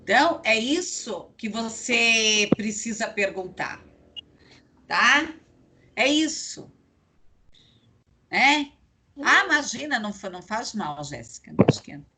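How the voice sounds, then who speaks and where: A woman's voice: a little high, big pitch swings, takes it slowly, long pauses, sharp tone, a little hiss or hum. A middle-aged woman teaching psychology in an online class, chatty and full of tag questions to her students.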